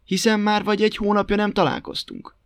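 A man voicing a sly, calm old toad who talks in a chatty, teasing and mock-innocent way in a storybook tale. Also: high voice, vocal fry, smooth, no echo, studio quality, voice pushed up.

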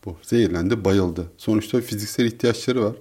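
A man's voice: on the low side, a little fast, darkish tone, breathy edge. A young man co-hosting a podcast in casual chat, making sarcastic, joking remarks. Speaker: podcast co-host.

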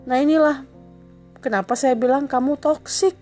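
A woman with a high, bright-toned voice delivers a wounded, accusing monologue to her husband. She presses each grievance with indignant repetition. Soft music plays faintly behind her. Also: moderate pace. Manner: insistent repetition. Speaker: wife confronting her husband. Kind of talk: emotional dramatic monologue.

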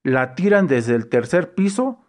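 Man, mid-pitched, slow delivery, reading jokes, unhurried storyteller. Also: big pitch swings. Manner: unhurried storyteller, voices the punchlines. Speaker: joke reader.

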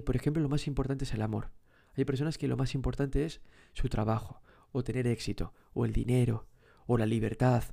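A man delivers a self-help podcast monologue in a low, mellow voice with a gravelly edge. He keeps addressing the listener directly, piling up rhetorical questions and repeating key words to drive them home. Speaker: podcast host.

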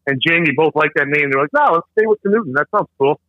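A man's voice: fairly high pitch, expressive, quick pace, dry recording. A man calling in over a phone speaker, chatting casually and jokingly with loose, rambling talk. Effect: heard over a phone speaker. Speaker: guest on call. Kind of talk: casual chat. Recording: tinny dry phone line.

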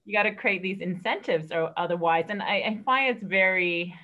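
A woman's voice: lowish voice, moderate pace, pushed and bright. A woman hosting a podcast, encouraging her guest and asking long, searching questions. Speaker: podcast host. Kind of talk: interview questions. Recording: muffled lo-fi audio.

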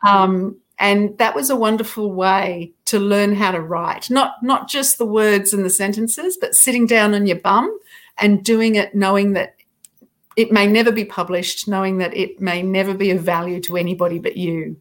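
A woman's voice: mid-range voice, steady tone, moderate pace. A middle-aged woman author, a guest in an interview, talking reflectively and self-deprecatingly about her writing, with frequent restarts.

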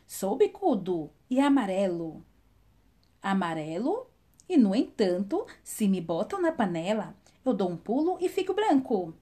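A woman's voice: medium pitch, very animated, unhurried, dark tone. A woman doing a teasing young riddler. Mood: playful riddling. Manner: singsong teasing riddle delivery. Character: clever charming young man asking riddles. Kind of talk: children's storytelling.

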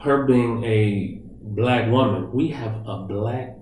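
A man co-hosting a casual group discussion, emphatic, with drawn-out phrasing and slang. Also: medium pitch, darkish tone, a little hiss or hum. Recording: echoey room.

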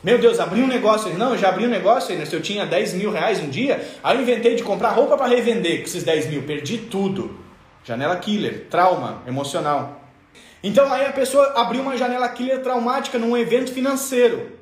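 A man's voice: high voice, expressive, a little fast. A man from Rio Grande do Sul with a southern Brazilian accent giving an emphatic, playful motivational talk. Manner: emphatic, playful, acts out examples. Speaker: motivational speaker. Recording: echoey room.

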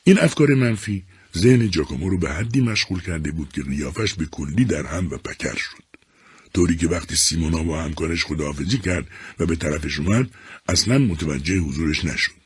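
Male audiobook narrator: very deep, husky voice, lively expression, dry recording. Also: dry recording. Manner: expressive, acts out each character. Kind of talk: scripted storytelling narration.

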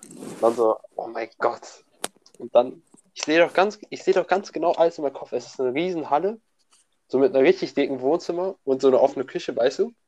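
A man's voice: mid-range voice, fast, mellow. A young man, a student, in casual chat, slangy and laughing often, with many restarts. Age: young adult.

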